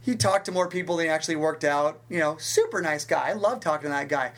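A man talking as a guest in a casual interview, telling stories from his working life in an animated way, with big swings in pitch and quick restarts. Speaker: fitness instructor and guest. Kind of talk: storytelling in a conversational interview.

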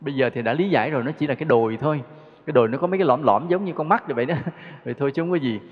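A man's voice: mid-range voice, very fast. A man giving a conversational Buddhist dharma talk, asking rhetorical questions and chuckling now and then. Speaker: Buddhist teacher. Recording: dull lo-fi recording with long hall reverb.

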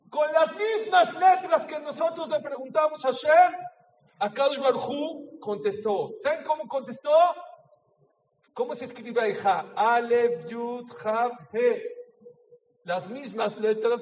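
A man giving an emotional sermon as a rabbi, swinging from soft to loud. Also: very high-pitched, a little hiss or hum. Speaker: rabbi teaching a Torah class. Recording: echoey hall, dull lo-fi sound.

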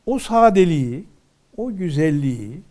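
A man's voice: a little high, big pitch swings, normal speed, warm tone. A man teaching from a religious text, reading ornate old wording aloud and then explaining each phrase in plain words.

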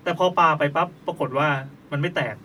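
A man's voice: on the high side, steady tone, a little fast, distant mic, noisy background. A man hosting a casual talk show, reading out listener stories with playful remarks and frequent laughter. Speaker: podcast host.

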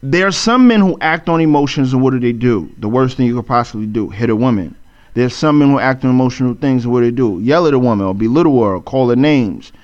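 A man's voice: mid-range voice, animated, fast, darkish tone. A man co-hosting a podcast in casual debate, insistent and given to saying "you know what I'm saying". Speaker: podcast co-host. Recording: dull lo-fi podcast audio.

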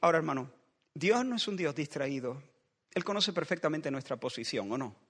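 A man's voice: on the high side, animated, a little fast, fairly bright tone, slightly rough. A man preaching a sermon in a church, building passionate pleading refrains that circle back again and again. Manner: impassioned, with repeated pleading refrains. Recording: long reverb of a large hall.

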